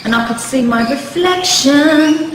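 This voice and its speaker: A woman's voice: high voice, a little slow. A woman bickering with her husband at home, insistent and defensive, with a teasing edge. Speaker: reality show participant. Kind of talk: casual domestic bickering. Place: home kitchen. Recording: echoey noisy kitchen.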